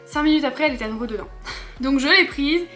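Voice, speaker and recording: A woman's voice: high voice, expressive, fast talker, bright, forceful tone, faint music behind. A young woman doing a casual beauty haul at home, chatty and rambling, a bit riled up and poking fun at herself. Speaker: beauty vlogger. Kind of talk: casual haul chat to camera.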